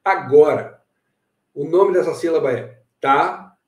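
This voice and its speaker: A man's voice: on the high side, takes it slowly, reverberant, distant mic. A man teaching music in a live online lesson, talking animatedly, repeating phrases and checking in with his students.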